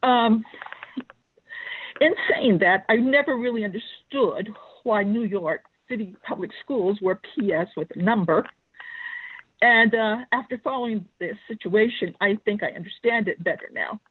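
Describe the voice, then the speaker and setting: Phone caller, woman, public comment; earnest and measured, slightly husky, heard over a thin, dry phone line. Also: medium pitch, no echo. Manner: earnest, measured, pausing often to find words. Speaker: public commenter calling in to a school board meeting.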